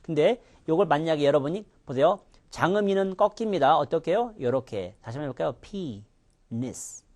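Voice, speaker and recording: A man's voice: a little high, animated, fast talker, hardly any pauses, a little mellow. A man teaching English pronunciation in a recorded lecture, demonstrating sounds with exaggerated contrasts.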